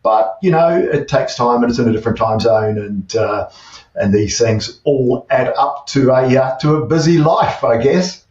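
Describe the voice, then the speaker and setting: A man's voice: mid-range voice, animated, moderate pace, darkish tone. A man in his fifties with a New Zealand accent, a tech CEO talking through his past as an interview guest, hesitant with many fillers and restarts. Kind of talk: casual interview chat. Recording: distant, dull, roomy remote audio.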